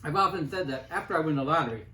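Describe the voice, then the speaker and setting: A man with a notably high voice hosts a homemade cooking show, bantering with a guest and cracking offhand jokes. The room around him sounds echoey, like a bare home kitchen. His talk is loose and chatty. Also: expressive, very fast, bright, forceful tone. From Midwest US. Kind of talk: casual food show chat.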